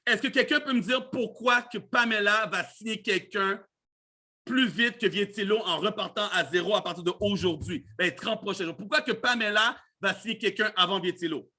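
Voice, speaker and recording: A man's voice: high-pitched, moderate pace, bright, forceful tone. A man tinged gives a casual motivational talk to a live chat, animatedly repeating himself and dropping in words. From Canada. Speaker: host of a live online business training.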